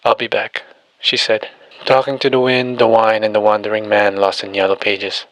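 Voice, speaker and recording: A man narrating an audiobook and reading every character's lines in an even, steady delivery. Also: fairly low pitch, moderate pace, dry recording, rough recording.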